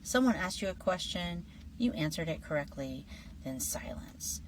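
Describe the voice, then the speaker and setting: A woman with a low, deep voice teaches an English lesson in a friendly, scripted way. Her delivery is lively but slips into soft, breathy whispers at times. She sits a little back from the microphone, with faint background noise. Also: moderate pace, far from the mic, poor audio.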